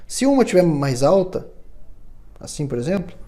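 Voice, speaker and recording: A man's voice: on the high side, sing-song, normal speed, dark tone. A man, giving a patient, step-by-step hands-on tutorial in a luthier's workshop and checking in often with his viewers. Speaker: luthier instructor.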